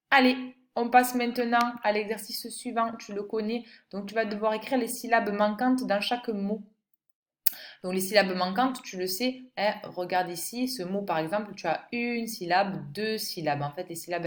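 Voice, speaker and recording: Woman, primary teacher, French accent, patient and slow, talks straight to the child, roomy recording. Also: medium pitch, fairly bright tone. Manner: patient, addresses the child directly, spells out letters. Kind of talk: recorded phonics lesson for a young child.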